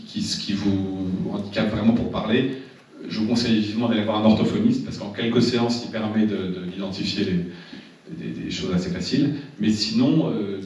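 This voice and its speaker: A man gives a seminar talk on public speaking to a live audience, speaking casually and often restarting or repeating words. He has a fairly low, darkish voice. The seminar room sounds echoey, and the distant mic makes it dull.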